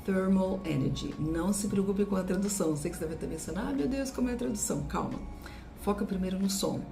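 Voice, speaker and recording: A Brazilian woman teaching English pronunciation, drilling words with deliberate, exaggerated repetitions. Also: mid-range voice, creaky, music in the background. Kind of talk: pronunciation lesson.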